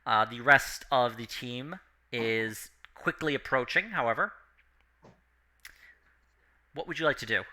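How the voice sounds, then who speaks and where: A man's voice: medium pitch, measured pace, pauses often, sharp tone. A man running a tabletop game as game master, narrating and asking players for moves.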